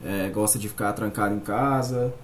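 A man with a Brazilian accent discussing casually, halting often and peppering his explanations with tag words. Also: fairly low pitch, steady tone. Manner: halting, filler-heavy explaining with frequent "né" and "tipo". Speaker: podcast guest. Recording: faint background noise.

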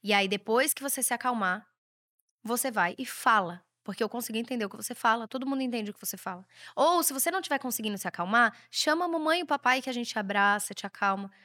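A woman's voice: on the high side, expressive, quick pace, bright, forceful tone. A Brazilian woman in her thirties hosting a podcast, giving a blunt, provocative motivational monologue with casual swearing. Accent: Brazilian Portuguese. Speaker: podcast host.

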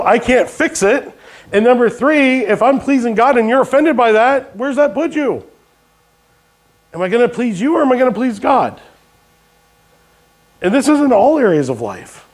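A pastor preaching a sermon, questioning his congregation and dropping jokey asides. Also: sits high. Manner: call-and-response questions to the congregation.

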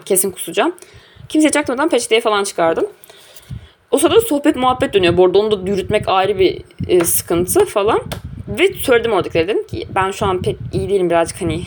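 Fast-talking young woman telling a story. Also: medium pitch. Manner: animated, acts out quoted dialogue. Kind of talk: casual storytelling vlog.

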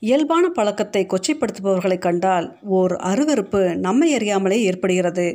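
A woman reads a short story aloud in a steady, reflective manner. Her voice sits at a medium pitch for a woman, even and composed, with plain, measured storytelling. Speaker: story reader. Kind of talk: scripted narration.

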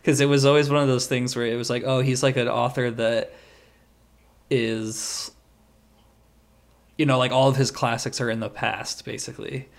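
A man's voice: medium pitch, flat delivery, normal speed, creaky, pauses often. Rambling man chatting on a podcast. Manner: rambling, peppered with "like". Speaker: podcast co-host. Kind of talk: casual chat.

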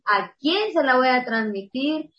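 A woman explains ideas in a patient, easygoing way, with a fairly high voice. The audio is dull and lo-fi, and it sounds roomy. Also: expressive, unhurried. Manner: explanatory, laughs easily. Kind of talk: casual explanatory talk.

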